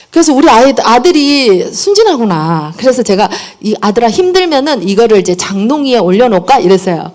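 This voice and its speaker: A middle-aged woman giving a parenting lecture, telling personal stories in an animated way and acting out the dialogue. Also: a little high.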